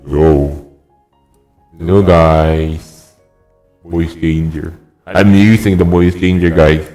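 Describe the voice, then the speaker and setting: Casual gamer, deep pitch-shifted voice changer, slow and teasing. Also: male voice, little pitch movement, a little mellow, in a large hall, faint music behind. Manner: playful, teasing banter. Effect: voice changer shifting his voice deeper. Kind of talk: casual gaming chat with friends.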